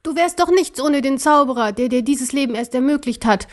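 A woman's voice: on the high side, normal speed, warm tone, close to an everyday voice. A woman voicing a small, brave, stitched-together male teddy bear who speaks urgently and defiantly.

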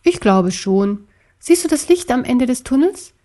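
A small, brave male teddy bear from a children's storybook speaks gently and calmly, as a woman acts him out. His kind, reassuring voice sits a little high. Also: unhurried. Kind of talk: storybook character voice.

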